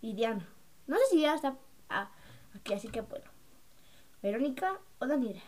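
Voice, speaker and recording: A woman's voice: a little high, sing-song, a little fast, a little mellow. A young girl vlogging casually to camera, chatty and mocking as she acts out what her classmates say. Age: young, school-age.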